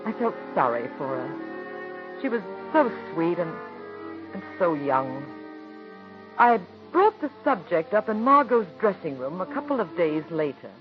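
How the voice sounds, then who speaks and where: In a 1940s radio drama, an actress plays a middle-aged woman of the theater who narrates her story softly and gently at a medium pitch. The old broadcast sounds dull.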